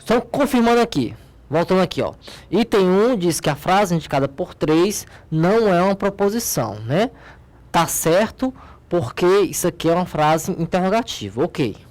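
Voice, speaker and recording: A man's voice: sits high, animated, normal speed. A man with a Brazilian accent teaching logic, patiently explaining an exercise at a board and checking in often with short questions to his students. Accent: Brazilian Portuguese. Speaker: math teacher.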